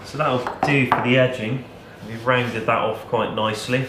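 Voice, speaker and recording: A man in his thirties, a channel host, talking in a relaxed, practical way as he demonstrates a craft in a cluttered indoor workshop, picked up by a camera mic at a distance. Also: mid-range voice, normal speed. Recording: echoey workshop with background noise.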